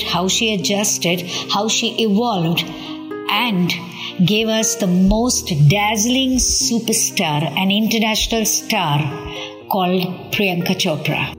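A woman with an Indian accent hosting a conversational interview. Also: medium pitch.

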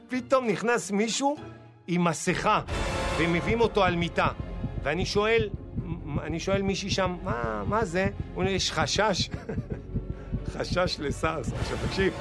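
A man in his forties telling comic personal stories in an animated way, acting out the dialogue. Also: high voice. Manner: animated, exclaiming, acts out dialogue. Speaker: storyteller.

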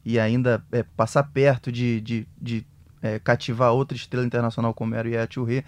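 A man reporting on a football club in a measured, hesitant way, with many restarts. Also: medium pitch, level tone. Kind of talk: casual sports discussion.

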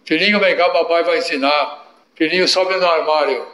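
A sing-song trickster father from an old stage sketch coaxes his son along, as a man acts him out, higher than a plain voice. The room around the voice is echoey. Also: moderate pace, sharp tone. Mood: coaxing.

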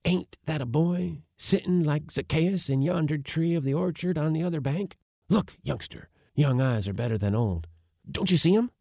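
A man voicing an excitable, secretive old uncle who gives urgent hissed whispers and sharp commands. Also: fairly high pitch, normal speed, vocal fry, no room sound, studio quality, pitched above the performer's own voice. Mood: urgent, commanding.

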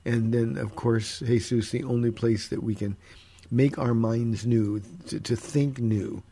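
In a radio studio, a pastor hosting a call-in show gives unhurried Bible teaching, casual and conversational with many fillers. His husky voice is deeper than usual because he's under the weather.

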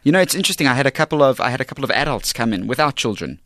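A man's voice: mid-range voice, animated, racing, fairly bright tone, no room sound. Earnest South African man in a dry recording. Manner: earnest, emphatic, repeats words and phrases as he builds a thought. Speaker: children's theatre director, interview guest. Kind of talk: conversational radio interview.

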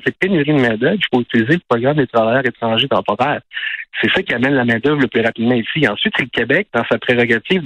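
A man's voice: medium pitch, a bit bright, no echo, poor audio. A man with a Quebec French accent, speaking as an immigration specialist in a conversational, explanatory interview style. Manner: conversational, explanatory, with concrete examples. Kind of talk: radio interview, explaining and arguing.

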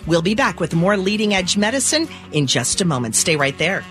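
A woman's voice: on the low side, very animated, brisk, over music. Woman co-hosting a radio call-in show. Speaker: radio co-host.

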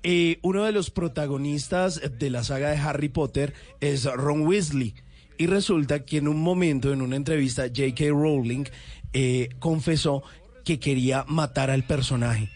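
A man's voice: fairly high pitch, normal speed, darkish tone. A man hosting a casual chat, rambling on with trivia. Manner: enthusiastic, rambling storyteller. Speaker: host.

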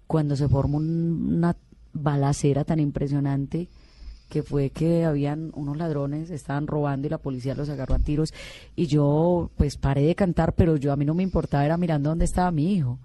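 Earnest Colombian woman singer, low voice. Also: fairly even intonation, brisk, mellow. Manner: earnest, heartfelt, many restarts. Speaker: singer being interviewed. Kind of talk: emotional personal storytelling.

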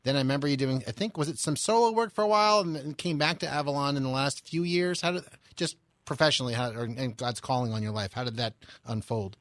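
A man's voice: mid-range voice, quick pace, a bit bright, dry recording. Dry-sounding male radio host. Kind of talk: interview on religious radio.

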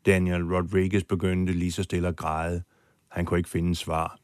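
A man's voice: low-pitched, little pitch movement, a little mellow, clean tone, no room sound, clean studio sound. A man telling a true story as host in scripted documentary narration, acting out the quoted lines with drama. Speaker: podcast host and foreign correspondent.

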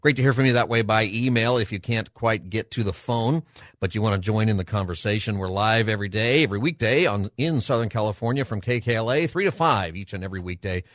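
A man's voice: lowish voice, quick pace, a bit bright, dry recording, clean studio sound. A middle-aged man hosting a live radio talk show in a conversational way, with a showman-like announcer manner.

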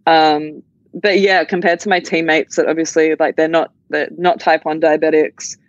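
A woman's voice: deep voice, level tone, moderate pace, no echo, dull audio. A young woman, a college athlete, talking easily as a podcast guest with lots of ums. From Australia. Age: young adult. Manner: easygoing, many ums and likes. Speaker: guest, college basketball player. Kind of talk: casual interview chat.

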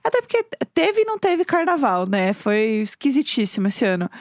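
A woman's voice: sits high, big pitch swings, fairly quick, no echo, clean studio sound. A young woman with a São Paulo accent co-hosting a podcast, telling stories playfully with exaggerated intonation. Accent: São Paulo Brazilian Portuguese. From São Paulo, Brazil. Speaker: podcast co-host. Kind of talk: casual chat.

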